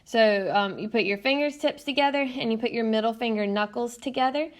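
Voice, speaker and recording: A woman teacher narrating a recorded lesson in a patient, explanatory way, often pausing with "um". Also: fairly high pitch. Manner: patient, explanatory, frequent "um" fillers. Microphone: tablet screencast mic.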